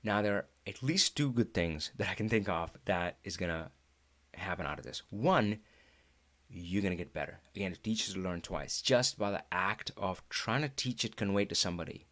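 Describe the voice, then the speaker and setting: A middle-aged host, Hindi-speaking by birth and from India, talks at a normal speed in a low-sitting voice with an Indian accent. His live talk is animated and conversational, punctuated by frequent laughter.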